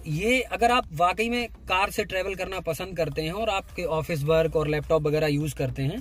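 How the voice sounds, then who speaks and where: Hindi vlogger demoing a gadget in his car. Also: fairly high pitch. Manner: explains step by step, points at parts. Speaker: YouTube channel host. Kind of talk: casual product demo. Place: inside a parked car.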